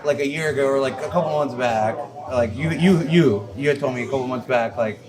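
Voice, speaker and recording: A man's voice: medium pitch, fairly quick, crowd noise. A young man hosting a casual podcast over beers, rambling with many restarts, swearing and laughing. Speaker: podcast host.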